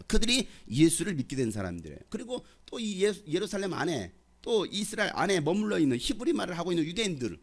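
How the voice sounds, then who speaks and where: Pastor, male, middle-aged; animated, gravelly sermon delivery, slightly high voice, banters with the congregation. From Jeolla, South Korea. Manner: lively preaching, quizzes and teases the congregation.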